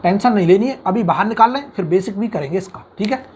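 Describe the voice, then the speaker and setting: A man's voice: high-pitched, animated, darkish tone, a little hiss or hum. A man teaching engineering mathematics in an online lecture, coaxing the class with constant questions and acting out imagined student objections. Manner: brisk, coaxing teacher who asks the class questions and answers them.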